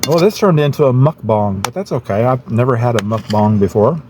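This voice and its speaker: A man vlogging in his van, talking with his mouth full between bites and clearing his throat now and then. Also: mid-range voice, fairly quick, background noise. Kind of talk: casual chat while eating. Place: inside a camper van.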